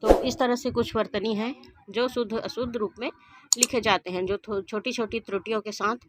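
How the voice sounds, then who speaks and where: A woman's voice: a little high, fairly even intonation, very noisy. Woman teaching grammar, repeating each point. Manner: explains each point, then repeats it more simply; reads word pairs slowly, each twice. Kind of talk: explaining a grammar lesson.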